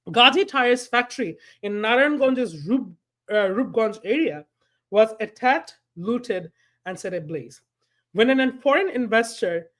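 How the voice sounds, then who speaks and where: A man speaks as a panel guest, laying out a persuasive argument. His pitch swings widely as he talks, and he keeps turning to the listener with rhetorical questions. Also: a bit bright. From Bangladesh. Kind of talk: prepared commentary.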